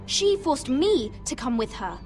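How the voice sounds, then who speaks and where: An actress playing a young handmaiden in a video game drama, deferential, guarded and earnest in a careful, polite manner. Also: female voice, sits high, big pitch swings, a little slow, a little mellow. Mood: earnest accusing. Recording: music behind.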